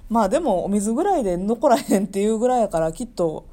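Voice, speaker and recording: Lively Kansai woman telling stories. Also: medium pitch, fast. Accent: Kansai Japanese. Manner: animated storytelling. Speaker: podcast co-host. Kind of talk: casual comedic chat.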